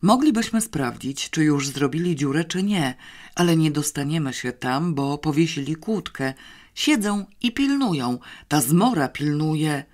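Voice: medium pitch, animated, a little slow, natural voice. An audiobook reader voicing a bossy, clever schoolgirl who is confident, scheming and a little scornful, in a somewhat raised voice.

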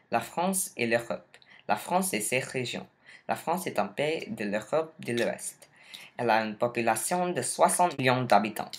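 A young man with an American accent, a student reading a textbook passage aloud in a slow, careful, halting way. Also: mid-range voice, a bit bright. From United States. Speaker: French student.

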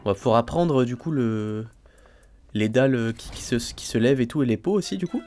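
A man casually commenting on his gameplay as a let's play host, thinking aloud, full of fillers and excited exclamations over each new find. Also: medium pitch, a little fast, faint music behind. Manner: chatty, thinks aloud, frequent "hein" and "euh" fillers.

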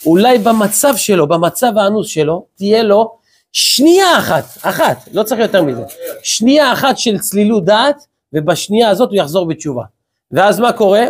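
A man's voice: high-pitched, breathy edge. A male rabbi preaching a sermon to a congregation, firing off rhetorical questions and telling stories with quoted exchanges. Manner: acts out short quoted exchanges in storytelling.

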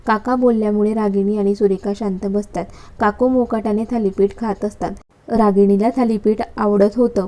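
A woman narrating a story in a steady, even reading style. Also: mid-range voice.

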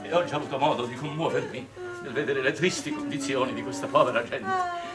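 A man's voice: mid-range voice, very animated, reverberant, over loud music, close to an everyday voice. An actor playing a scheming middle-aged man who stages a fake scene of misery, in a stage comedy. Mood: bossy. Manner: bossy, quick, theatrical coaxing. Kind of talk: 1960s Neapolitan stage comedy.

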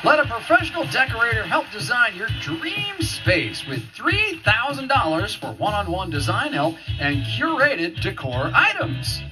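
A man working as a game show announcer, reading out prizes in a booming, hyped delivery. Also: very animated, unhurried, rough recording. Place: TV game show studio stage. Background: loud show music.

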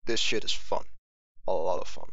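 A man's voice: deep voice, normal speed, bright, forceful tone, dry recording, lo-fi sound. A man hosting a casual let's play, informal and sweary. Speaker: host of a gaming video.

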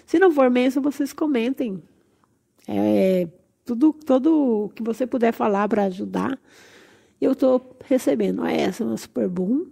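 A woman's voice: fairly high pitch, normal speed, creaky, warm tone, breathy edge. A woman hosting a casual vlog, gushing with delight, her voice nasal and stuffy from a cold. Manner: effusive, gushing exclamations. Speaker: channel host. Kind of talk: casual plant-tour vlog.

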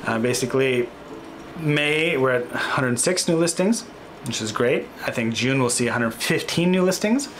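A man's voice: mid-range voice, expressive, normal speed, a bit bright, slight background noise. A man in his thirties, a real estate agent, giving a casual screen-share market update, thinking aloud with fillers and self-corrections.

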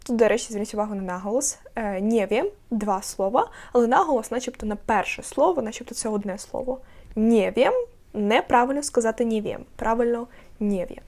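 Woman language tutor, patient explainer, repeats key words, slow deliberate example phrases. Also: fairly high pitch, darkish tone. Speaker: Polish language teacher. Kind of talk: online language lesson.

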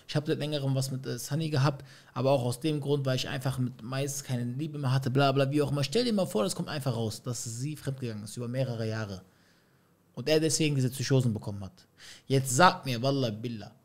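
A man's voice: mid-range voice, normal speed. Guy doing a reaction vid, slangy, keeps asking viewers what they think. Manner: musing, asks the viewers questions, street slang. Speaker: reaction streamer. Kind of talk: casual reaction commentary.

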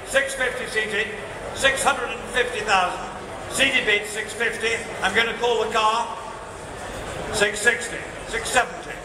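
A man working as an auctioneer, calling bids in a quick rhythm with dry asides at a live auction. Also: high voice, steady tone. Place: large auction hall with a crowd. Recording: echoey hall from far off, audience noise.

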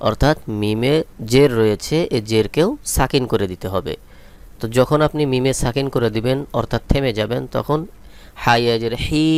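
A man with a smooth, medium-pitched voice teaches Quran reading in a slow spelling-out lesson with translation. He names letters and vowel marks one at a time, then draws out each chanted word.

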